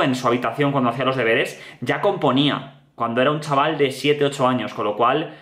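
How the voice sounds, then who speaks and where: A young man with a Spain Spanish accent giving animated, slang-filled commentary while reacting to a music video. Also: on the high side. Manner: animated, slangy, repeats "tío" often. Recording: echoey room.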